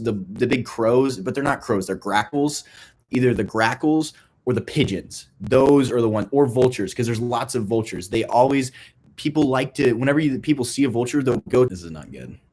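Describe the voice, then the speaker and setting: A young man giving a playful, mock-serious talk to a youth group, rambling with restarts and a deadpan tone. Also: mid-range voice, normal speed. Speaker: youth ministry speaker.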